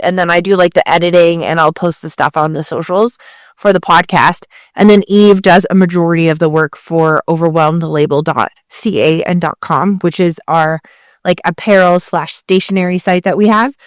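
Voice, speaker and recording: A woman's voice: on the low side, no room sound, clean studio sound. A woman co-hosting a podcast in casual chat, with a Valley Girl way of talking. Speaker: podcast co-host.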